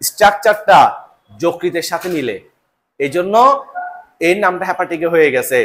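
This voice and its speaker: A young male biology teacher lectures to a room of students. His voice sits notably high. He drills each term over and over and keeps asking whether the class understands. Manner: repeats terms and keeps checking understanding.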